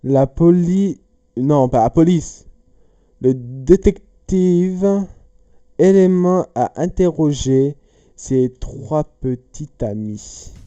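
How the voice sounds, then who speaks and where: Man, casual riddle-solving chat, rambling and jokey, very dark mellow voice, dry close sound. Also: on the high side, expressive, takes it slowly, clear, resonant tone, dry recording, highs cut off. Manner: rambling, jokey, self-correcting. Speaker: youtuber.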